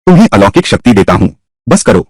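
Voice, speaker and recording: A man as a gruff old god of death in a dubbed drama, dismissive and grumbling. The voice is low and sounds close and dry. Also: sing-song, fast talker, a little mellow, no echo.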